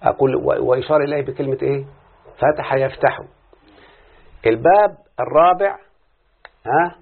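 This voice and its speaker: A man with an Egyptian accent, who teaches Arabic morphology, gives a classical Arabic grammar lesson that opens with prayers. His medium-pitched voice has vocal fry and a breathy edge, and he draws his students in with repeated "what?" prompts and questions. The sound is phone quality.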